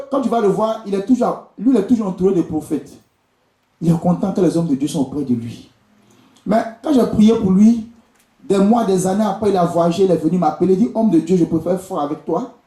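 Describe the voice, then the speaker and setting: This mellow, high-sitting male voice belongs to a visiting prophet and preacher from Côte d'Ivoire. In a charismatic sermon at a live service inside a church, he speaks with an Ivorian accent, urging the congregation directly and returning to key phrases, and the hall sound is echoey.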